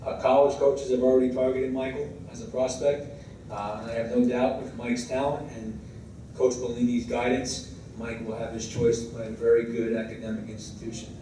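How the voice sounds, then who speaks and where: American guy coach doing an awards speech, kinda halting, super echoey room w/ clear noise behind him. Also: mid-range voice, level tone, mellow, recorded from a distance. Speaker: high school baseball head coach. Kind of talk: semi-scripted tribute speech at an awards event. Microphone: distant microphone.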